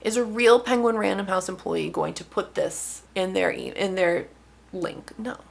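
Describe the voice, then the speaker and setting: A young woman author talking casually to camera in a wry, exasperated way, with lively emphasis. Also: mid-range voice, moderate pace, vocal fry. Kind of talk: casual vlog talk to camera.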